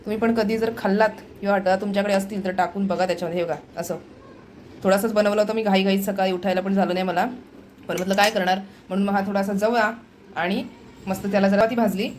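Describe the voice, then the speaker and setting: Fast-chatting woman vlogger from the Konkan. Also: mid-range voice, fairly even intonation, slight background noise. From Konkan, India. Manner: chatty, rambling, laughs often. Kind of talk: casual home vlog talk.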